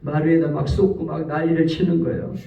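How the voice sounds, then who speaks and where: Korean pastor preaching in an echoing church. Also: male voice, a little high, flat delivery, fairly quick, vocal fry. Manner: storytelling, acts out quoted speech. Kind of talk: sermon. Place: church sanctuary. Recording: roomy, distant, dull church recording.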